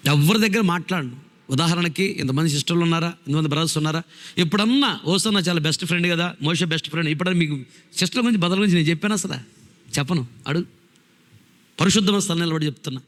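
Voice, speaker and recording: A man's voice: on the high side, racing, fairly bright tone, long reverb tail. A male pastor preaching a sermon, emphatic, firing rhetorical questions at his congregation.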